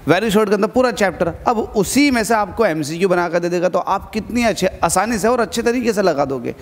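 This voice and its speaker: A man's voice: sits high, expressive, brisk, big-room sound. A male physics teacher giving an exam-prep lesson to students, urging them on and repeating key points as he asks and answers his own questions.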